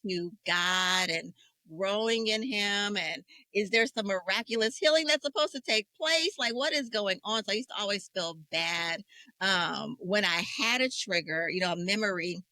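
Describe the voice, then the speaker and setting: Bright-voiced emotional woman host. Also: medium pitch, normal speed, no echo, poor audio. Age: 40s. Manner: emotional, searching and candid, with frequent fillers. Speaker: podcast host. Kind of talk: faith-based conversation about grief.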